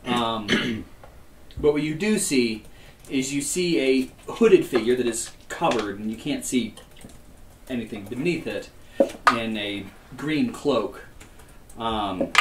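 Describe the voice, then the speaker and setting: A man narrating as game master of a tabletop game, unhurried, with many fillers. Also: medium pitch, animated, echoey room, distant mic, very noisy.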